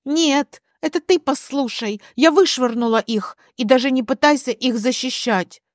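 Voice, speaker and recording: Woman voicing a furious young wife, sharp, barking orders, dry close recording. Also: on the high side, very animated, drawn-out words, dry recording, full character voice. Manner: sharp, shouting commands.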